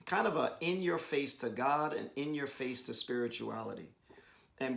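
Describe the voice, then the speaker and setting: A man giving a devotional talk with his wife, exhorting and emphatic, rising to bursts of excitement, speaking over a video call. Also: mid-range voice, vocal fry. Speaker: husband co-hosting a devotional. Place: home, joining an online meeting.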